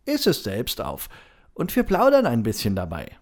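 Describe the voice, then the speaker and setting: A reader doing a gentle old turtle. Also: mid-range voice, wildly swooping pitch, moderate pace. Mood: polite. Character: gentle old female turtle, modest and kind. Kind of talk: children's storybook reading.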